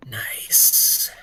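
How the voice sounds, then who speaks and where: A player chatting casually at a tabletop game session, hesitant and full of joking asides. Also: pushed and bright.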